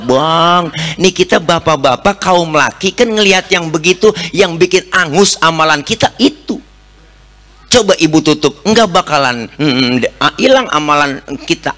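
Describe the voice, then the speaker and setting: A man preacher gives a comic sermon, teasing his audience and acting out stories. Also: on the high side. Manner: joking, animated storyteller, teasing the audience. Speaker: Islamic preacher. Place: mosque or gathering hall with live audience.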